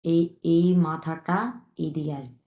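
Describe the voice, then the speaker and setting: Patient teacher woman, low voice, echoey room. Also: level tone, a little slow, warm tone. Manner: patient, repetitive, checks in with frequent tag questions. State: ill with a cough. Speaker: Chinese language teacher. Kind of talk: online lesson, explaining stroke by stroke.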